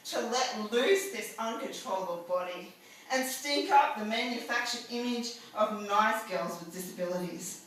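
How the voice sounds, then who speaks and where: A woman performing a spoken-word poem live, defiant, crude and emphatic, now and then rising to shouts. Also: medium pitch, moderate pace, recorded from a distance. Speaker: poet. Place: live event venue. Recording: echoey room, mic from afar.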